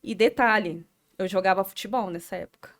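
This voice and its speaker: A young adult woman with a Brazilian Portuguese accent, a podcast guest telling her personal story earnestly, halting and repeating words as she recalls. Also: mid-range voice.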